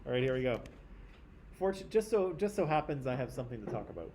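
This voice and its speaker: A male teacher leads a history lesson in a classroom in a relaxed, conversational way, often tagging his points with "right?". His tone is mellow and warm. Faint noise sits under the voice. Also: mid-range voice, fast talker.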